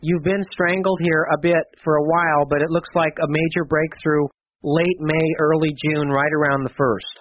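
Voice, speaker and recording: A man's voice: fairly high pitch, level tone, normal speed, slight background noise. Chatty male radio astrologer on air. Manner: chatty, reassuring, jokey with callers. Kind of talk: call-in astrology readings. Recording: slightly dull radio broadcast.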